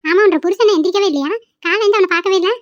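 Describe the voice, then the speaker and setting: A woman doing a loud nosy mother-in-law. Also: very high voice, racing, no echo. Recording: dull, dry home recording.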